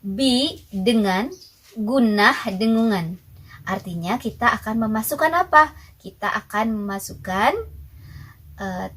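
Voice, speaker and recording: A woman's voice: mid-range voice, slight background noise, rough recording. A young woman, patiently teaching Quran recitation rules step by step and asking her own questions before answering them. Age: young adult. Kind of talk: recorded tajwid lesson.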